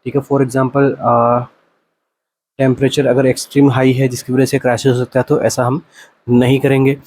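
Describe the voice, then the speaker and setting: A male nursing exam coach explaining multiple-choice answers, asking rhetorical questions, answering them himself, and reading the English options out slowly. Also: mid-range voice, little pitch movement, a little mellow, a little hiss or hum.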